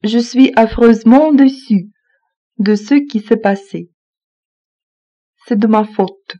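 A woman slowly reading French phrasebook lines, saying each one twice in an even manner. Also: a little high, muffled recording. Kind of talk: slow repeated phrasebook reading.

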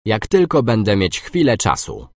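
Man, very deep voice, lively intonation, dry close studio sound, clear course phrases. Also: no room sound. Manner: slow, clear, reads masculine and feminine forms. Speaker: language course speaker. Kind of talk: scripted phrase reading.

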